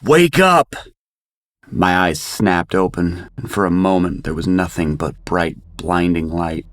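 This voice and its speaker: A man narrating a first-person horror story in a steady, grim manner. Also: low voice, measured pace.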